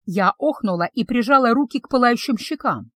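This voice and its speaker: A woman reading a first-person fantasy audiobook with expressive storytelling. Her pitch rises and falls vividly through each line. The sound is close and completely dry. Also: brisk, dry recording. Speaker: audiobook narrator.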